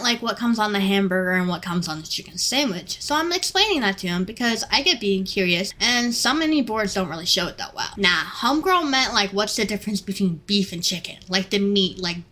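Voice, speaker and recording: A young woman who works in fast food, ranting about customers in an exasperated, sarcastic vlog. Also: mid-range voice, sharp tone. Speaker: fast food worker and vlogger.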